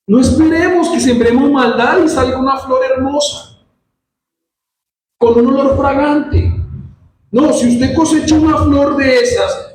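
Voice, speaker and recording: Pastor, man, very high voice, animated sermon; distant mic in a very echoey church hall. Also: slight background noise. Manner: animated preaching, acts out quoted voices. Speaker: pastor teaching a church service.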